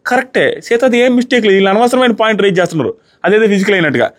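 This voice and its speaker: A man giving an animated, exasperated review of a reality show episode, often mimicking contestants. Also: sits high, racing.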